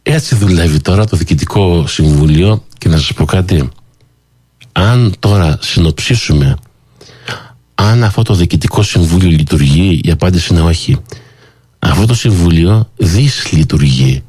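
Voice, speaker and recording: A low, slightly husky male talk host in dry, close sound. He rises and falls widely in pitch as he recounts events, and he acts out each quoted speaker in a higher voice. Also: expressive, a little mellow, dry recording. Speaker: radio show host. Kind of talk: animated storytelling commentary.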